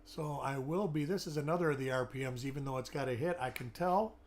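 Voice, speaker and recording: A fast-talking middle-aged man with a medium-pitched voice hosts a live coin-hunting stream. His voice is weak and fading after an illness, and he chats while looking over coins, greeting viewers by name.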